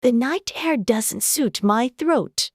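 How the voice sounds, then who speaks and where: A woman voicing a fussy old magpie with a husky voice. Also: on the high side, lively intonation, slow pace, dry recording, studio quality, voice pushed up, exaggerated voice. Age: older.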